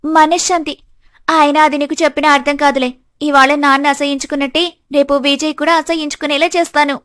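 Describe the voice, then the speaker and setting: A woman's voice: sits high, flat delivery, brisk, fairly bright tone, no room sound, clean studio sound. A woman voicing an arrogant, scheming young sister-in-law who mocks and gloats. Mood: mocking. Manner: mocking, gloating.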